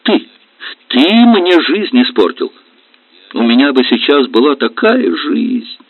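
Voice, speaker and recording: A man doing a shrill, bitter young wife. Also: very animated, unhurried, no echo, exaggerated voice. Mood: reproachful. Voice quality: high, strained. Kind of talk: audiobook reading. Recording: dull lo-fi recording.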